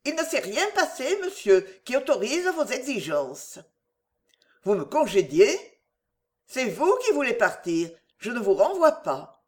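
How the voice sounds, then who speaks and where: A sincere young woman of quiet dignity speaks in a raised, lively voice, as a woman reader puts her on. Her answers come earnest and firm, never harsh, in an audiobook reading. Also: on the high side, measured pace. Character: gentle, sincere young woman who loves calm.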